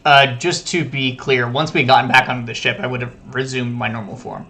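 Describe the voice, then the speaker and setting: Bright-voiced man playing a tabletop game. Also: medium pitch, fairly even intonation, a little fast. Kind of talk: casual tabletop game talk.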